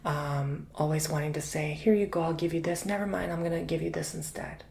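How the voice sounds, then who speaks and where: A man giving an intimate, chatty ASMR tarot reading, drifting between soft speech and whispers and calling the listener honey. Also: fairly high pitch, little pitch movement, a little fast, vocal fry, a little hiss or hum. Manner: repeats words for emphasis. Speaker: tarot reader.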